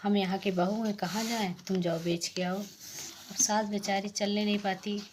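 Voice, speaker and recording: A woman casually narrating a village folk tale, softly voicing the lines of each character. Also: mid-range voice, steady tone, moderate pace, slight background noise. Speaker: storyteller.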